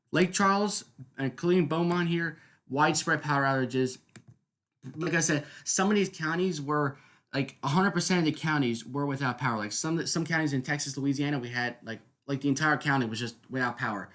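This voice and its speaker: A man's voice: fairly high pitch, fairly quick, a bit bright. A man hosting a live weather stream, explaining in an unscripted, conversational way and often checking in with listeners. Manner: conversational, explanatory, repeatedly seeking agreement.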